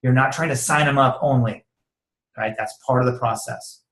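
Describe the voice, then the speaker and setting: Energetic man coaching in a roomy echo. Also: mid-range voice, normal speed. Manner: energetic, casual and slangy, acts out quoted conversations. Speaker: network marketing trainer. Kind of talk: motivational training talk.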